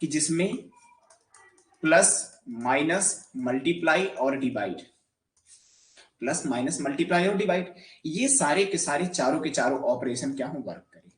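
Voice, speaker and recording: A man's voice: on the high side, lively intonation, a little slow, echoey room. A man giving a math lecture in Hindi, asking his students questions and answering them himself. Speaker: math teacher. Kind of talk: classroom lecture.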